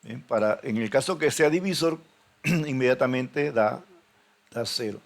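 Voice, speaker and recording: Guy with a gravelly voice teaching a coding class, lots of ums, keeps asking "see?". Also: mid-range voice, measured pace. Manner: hesitant, many fillers and restarts, checks in with "¿ven?". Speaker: programming teacher. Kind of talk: recorded classroom lecture.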